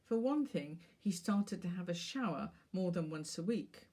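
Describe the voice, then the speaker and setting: A woman author reading her own short story aloud in a measured, wry manner. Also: on the low side, animated, dark tone.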